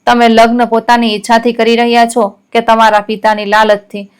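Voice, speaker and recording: A woman voicing a kind, selfless young village heroine, speaking calmly and gently. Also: fairly high pitch, normal speed, clean tone, lightly acted. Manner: calm, gentle, steady.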